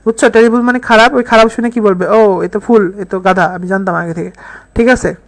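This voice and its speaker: A woman's voice: mid-range voice, fairly even intonation, fairly quick. A woman teaching English vocabulary in a recorded lecture, repeating each word and quizzing her listeners with questions and playful memory tricks. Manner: uses playful mnemonics and acts out sample phrases.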